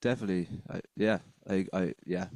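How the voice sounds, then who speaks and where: Casting: male band member, west of Ireland accent, deep voice, halting and conversational. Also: darkish tone, no echo. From Galway, west of Ireland. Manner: rambling, halting. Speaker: band member being interviewed. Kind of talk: casual interview chat.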